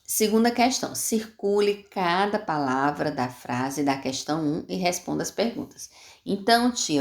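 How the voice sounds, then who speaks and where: A woman with a fairly low, creaky voice teaches young pupils, patiently guiding them through their homework. She repeats each step and asks questions only to answer them herself.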